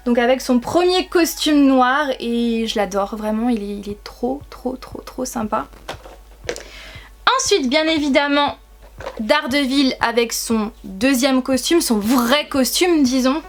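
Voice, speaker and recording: A young woman from France chatting to camera at home about her collectible figures, gushing and enthusiastic, with many hesitations and repeated words. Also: on the high side. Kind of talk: casual chat to camera.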